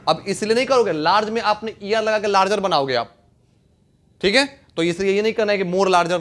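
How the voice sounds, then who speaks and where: A young man teaching a grammar lesson to a class, often repeating questions and checking whether the students understand. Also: sits high.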